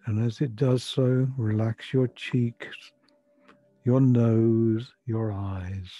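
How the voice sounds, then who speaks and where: An older man with a soft, breathy voice gently guiding a breathing and relaxation meditation in soothing, measured instructions. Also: medium pitch, steady tone, no echo. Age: 60s or older. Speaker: relaxation therapy guide. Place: furnished room at home. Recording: dull lo-fi sound, music behind. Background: music.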